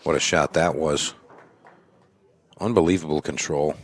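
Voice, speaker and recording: A man's voice: extremely low pitch, steady tone, unhurried. A man co-commentating a pool match with an enthusiastic, agreeable manner. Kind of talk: live sports commentary.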